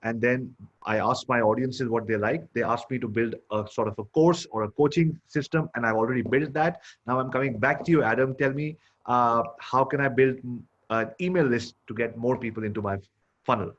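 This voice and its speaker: A man's voice: medium pitch, fairly quick. A male interview host with a mid-range voice who builds long questions around made-up situations before getting to the point. The recording sounds dull and lo-fi. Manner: asks long questions built on imagined scenarios.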